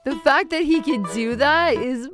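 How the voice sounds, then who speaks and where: A woman's voice: high-pitched, music in the background. A woman livestreamer giving casual, slangy reaction commentary in an informal, exclaiming way. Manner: drawn-out amused exclamations, informal slangy talk. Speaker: streamer reacting to a video.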